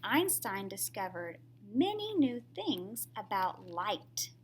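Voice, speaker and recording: A woman with a mid-range, sing-song voice reads a picture book slowly to young children, like a teacher, often asking the listener questions. There is slight background noise.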